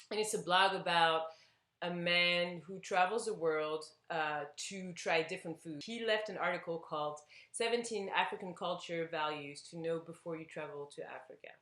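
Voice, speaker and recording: A woman's voice: fairly low pitch, fairly bright tone, echoey room. A woman from Belgium chatting casually to camera, telling a personal story with lots of fillers and restarts. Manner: hesitant, rambling, with many fillers and restarts. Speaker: vlogger.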